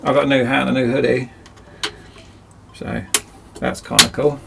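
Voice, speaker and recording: Chatty gravelly-voiced man in a workshop. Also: medium pitch, level tone, normal speed, very noisy. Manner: chatty, rambling, self-mocking. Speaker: DIY video host. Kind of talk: casual workshop chat. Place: cramped home workshop.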